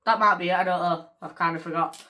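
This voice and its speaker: A woman's voice: lowish voice, steady tone, quick pace, sharp tone. A woman hosting a casual reaction vlog, chatty and easily startled. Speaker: reaction video host.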